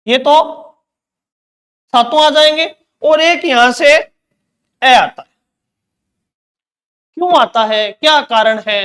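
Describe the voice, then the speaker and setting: A man's voice: very high-pitched, sharp tone. A man teaching Hindi grammar in an exam-prep lecture, asking questions and answering them himself, repeating key terms.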